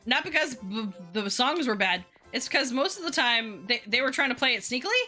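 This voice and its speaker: Brief: young woman game streamer, high and very bright voice, worn hoarse, chatty and casual, swears freely. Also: expressive, fairly quick, soft background music. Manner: chatty, reads chat messages aloud, swears casually. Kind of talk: casual chat while playing a game.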